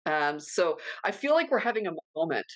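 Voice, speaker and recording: A woman in her thirties co-hosting a podcast, chatting casually in a fast, animated rush of words. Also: lowish voice, dry recording. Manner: fast, animated, self-described freight-train talker. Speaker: podcast co-host.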